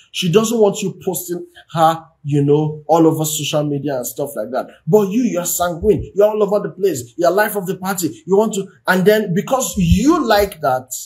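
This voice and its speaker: A man's voice: on the high side, a little mellow. A man giving marriage advice on a livestream as a relationship coach. He preaches and keeps repeating phrases and checking in with his listeners. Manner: preachy, repeats phrases, asks "do you understand?".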